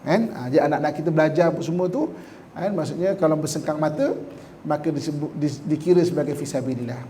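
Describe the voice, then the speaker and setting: Man, Malaysian Malay accent, religious teacher, high voice, chatty lecture, faint background noise. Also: fast talker, mellow. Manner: conversational, constantly asks "kan?" to the audience; jokes and laughs with the congregation. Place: mosque lecture hall.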